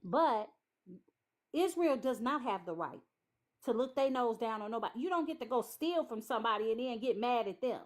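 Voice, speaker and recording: A woman with a somewhat high voice co-hosts a live stream. She speaks bluntly and forcefully, swearing freely as she argues. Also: lively intonation, normal speed. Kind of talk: casual live stream debate.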